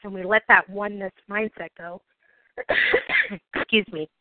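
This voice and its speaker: A woman's voice: mid-range voice, a little slow, no echo. A woman giving a casual spiritual lesson, talking conversationally and repeating herself when she gets going. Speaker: spiritual teacher. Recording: tinny phone-like sound.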